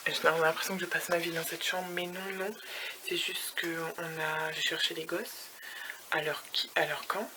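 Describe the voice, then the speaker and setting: A woman's voice: deep voice, flat delivery, normal speed, noisy background. A woman vlogging from her hotel room in a chatty, rambling way, scattering English words through her talk and sometimes dropping to a whisper. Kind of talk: casual vlog chat.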